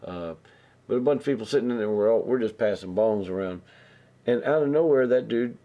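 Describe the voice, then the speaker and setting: Low-voiced man telling a rambling story. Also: expressive, a little fast, dull audio. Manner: rambling, loose, with many restarts and acted-out dialogue. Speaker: live stream host. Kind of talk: casual storytelling.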